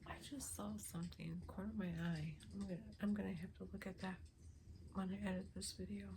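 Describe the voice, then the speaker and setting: An older woman running a spirit box session for her vlog, speaking in a hushed, often whispered, earnest and emotional way, pleading for signs. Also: medium pitch, steady tone, fast talker, background noise.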